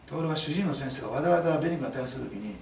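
Fast, gravelly man preaching a sermon. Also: fairly high pitch, lively intonation, darkish tone, a little hiss or hum. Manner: emphatic, rhetorical questions to the congregation. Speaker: pastor. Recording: echoey room, mic at a distance.

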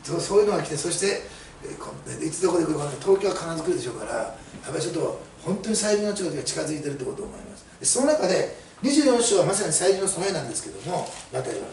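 A man's voice: a little high, big pitch swings, racing, a little mellow. A middle-aged man preaching a sermon as a pastor, telling stories chattily with many fillers. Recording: roomy, mic at a distance, faint hiss.

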